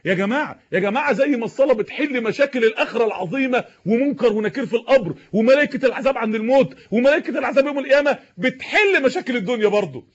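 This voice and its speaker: A man's voice: very high voice, animated, very fast, few pauses. A man with an Egyptian accent preaching a sermon, impassioned, with rhetorical repetition. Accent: Egyptian Arabic. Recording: dull lo-fi recording.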